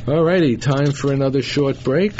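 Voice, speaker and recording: A man hosting a radio show, talking in a halting way with many fillers and restarts, taped off the radio. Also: mid-range voice, darkish tone. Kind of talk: casual on-air talk with a caller. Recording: lo-fi radio tape with faint hiss.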